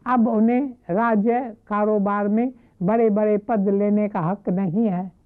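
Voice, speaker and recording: Woman, devotional talk, measured reverent storytelling, very slow, mid pitch. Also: fairly even intonation. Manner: measured, reverent retelling with quoted sayings. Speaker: spiritual speaker. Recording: narrow phone-like lo-fi audio.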